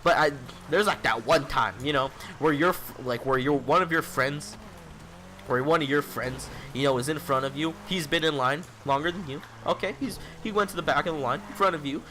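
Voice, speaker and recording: A man's voice: fairly high pitch, fairly quick, pushed and bright, slight background noise. Foul-mouthed teenage guy ranting. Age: late teens. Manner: exasperated, swears constantly, rambling. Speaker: vlogger. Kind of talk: profane ranting monologue.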